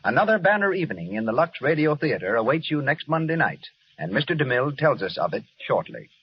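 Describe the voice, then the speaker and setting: Male announcer, old radio broadcast, lively rising and falling pitch, muffled lo-fi sound with faint hiss. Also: fast talker. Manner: formal, crisply announced sponsor reads.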